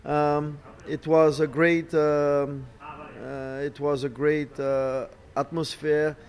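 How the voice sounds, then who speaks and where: A middle-aged man, not a native English speaker, answering interview questions haltingly, searching for words and repeating phrases. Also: a little high, level tone, a little mellow. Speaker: racing team boss, former driver. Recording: clear background noise, ambient sound.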